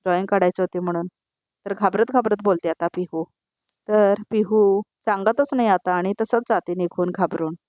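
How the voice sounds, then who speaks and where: A woman's voice: medium pitch, moderate pace, a little mellow, dry recording. A woman narrating a voice-over recap of a TV serial episode in a plain storytelling manner.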